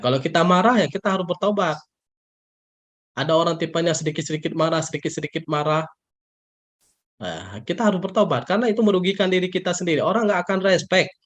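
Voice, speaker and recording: A male pastor giving an animated sermon, his voice often jumping up high for emphasis and when he quotes other people. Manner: acts out the people he quotes in a raised voice.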